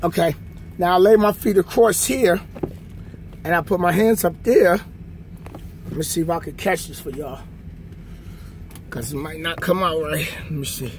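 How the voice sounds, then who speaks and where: A man's voice: on the high side, slight background noise. A man in his thirties, a truck driver, chatting casually to viewers from his sleeper cab while showing a workout. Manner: slow, relaxed talk to viewers, showing a bunk workout. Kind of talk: casual vlog chat. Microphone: phone camera on a stand nearby.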